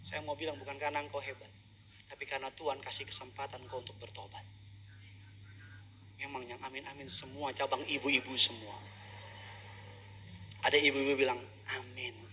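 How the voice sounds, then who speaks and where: Bright, sharp-voiced preaching pastor. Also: male voice, medium pitch, level tone, brisk, pauses often, slight background noise. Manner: jokey storytelling, building to loud preaching. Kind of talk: humorous sermon.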